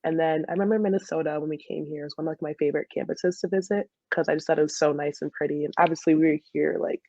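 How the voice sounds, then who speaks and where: Here the same kind of speaker: an American-accented woman in her twenties, a dental student and soccer player, storytelling casually on a podcast. Her low, mellow voice is rapid-fire and steady in tone, chatty and giggly with lots of "like." Lo-fi sound, no room sound.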